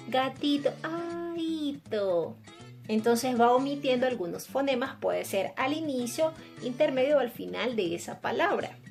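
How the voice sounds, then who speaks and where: A woman speech therapist giving a patient explanatory lesson and speaking directly to parents. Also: on the high side. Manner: patient, addresses parents directly, asks "¿sí?" to check understanding. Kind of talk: educational explainer.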